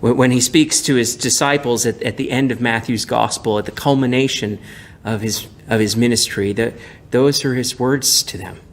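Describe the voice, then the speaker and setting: A male pastor giving a gentle, prayerful devotional message with frequent restarts. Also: mid-range voice, steady tone, moderate pace, slight background noise. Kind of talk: devotional sermon.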